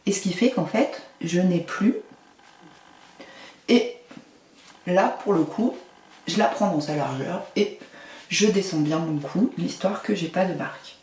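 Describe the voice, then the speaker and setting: A woman's voice: fairly low pitch, unhurried, long pauses, a little mellow, far from the mic, a little hiss or hum. A woman vlogger talking casually through a makeup tutorial, chatty and playful, with little sing-song asides. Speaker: beauty vlogger. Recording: echoey room, mic set back.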